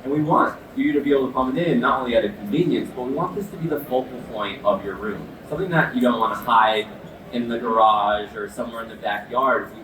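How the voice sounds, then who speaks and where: Speaking fast in a mid-range voice, this ice bath specialist with sports medicine experience walks through a product demo in an earnest, forceful manner. The recording has background noise, echo, and a far-off microphone.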